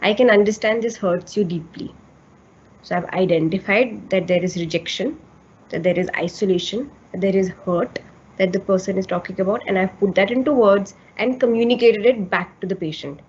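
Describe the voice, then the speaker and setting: A woman's voice: medium pitch, a little fast, a little mellow. A woman psychotherapist giving a lecture to trainees, explaining patiently and checking in with her listeners. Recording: slightly dull lo-fi recording.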